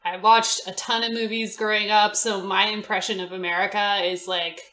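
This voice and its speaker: A young woman from Indonesia, a podcast guest chatting casually in an animated, theatrical way and laughing often. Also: medium pitch, normal speed, roomy sound. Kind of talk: casual chat.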